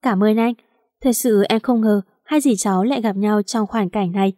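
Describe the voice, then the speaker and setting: A woman's voice: medium pitch, normal speed, warm tone, no echo, clean studio sound, natural voice. A woman voicing a tearful young woman in a romance audiobook, pleading and questioning. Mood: wistful.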